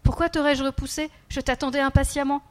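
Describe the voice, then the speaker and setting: Woman playing a serene little boy spirit, soft and a bit high. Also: flat delivery, brisk, lightly acted. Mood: gentle. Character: small otherworldly boy child, calm and gentle.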